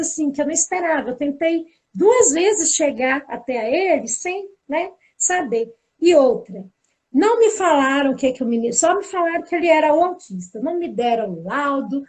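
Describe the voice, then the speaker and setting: A woman, a teacher, tells a school story in a casual, animated way. Her voice sits high, and she slips into the other speakers' lines as she goes. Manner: lively storytelling, acting out the dialogue. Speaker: teacher and pedagogical coordinator. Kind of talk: casual spoken anecdote.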